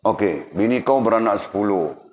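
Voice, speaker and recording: A man's voice: on the low side, expressive, normal speed, a little mellow. A man giving a religious lecture, teasing and addressing his audience directly. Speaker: religious teacher. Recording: roomy, dull lo-fi, faint background noise.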